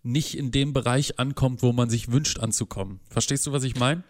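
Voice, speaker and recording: Animated man telling self-mocking stories. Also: mid-range voice, moderate pace. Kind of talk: casual podcast chat.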